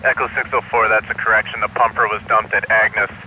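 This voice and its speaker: A man's voice: lowish voice, level tone, fast talker, slight background noise. Male patrol officer on tinny police radio. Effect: two-way radio. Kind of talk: terse radio update.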